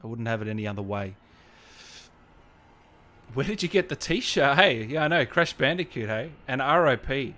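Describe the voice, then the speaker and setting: Here the same kind of host sounds expressive and sharp, with a mid-range voice at normal speed and frequent pauses. As a livestream host and gaming interviewer, he reads and answers comments in a chatty way, repeating himself often.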